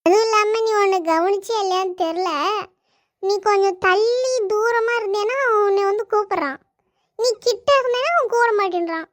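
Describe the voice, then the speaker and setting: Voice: very high voice, a little fast, a bit bright, no room sound, studio quality. Ramya, a teasing, bossy girl. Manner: teasing and matter-of-fact. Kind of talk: family comedy skit dialogue.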